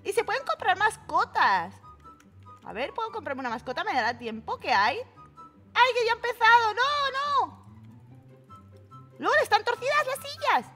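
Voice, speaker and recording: A young woman with a Peninsular Spanish accent chatters through an online game, her voice very high and lively, jumping all over its range. She squeals and exclaims constantly, and game music plays behind her. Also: normal speed, long pauses. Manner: excitable, giggly, exclamatory. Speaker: gaming channel host. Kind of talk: casual Roblox gameplay commentary.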